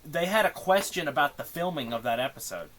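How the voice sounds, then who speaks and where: A young man streaming live, talking in an excitable, pushy way and laughing. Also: on the high side, fairly quick, background noise.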